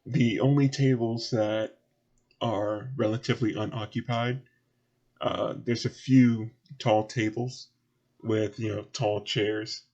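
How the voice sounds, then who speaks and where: A man narrating as game master for a tabletop game, relaxed and rambling with many fillers. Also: fairly low pitch, slow, highs cut off.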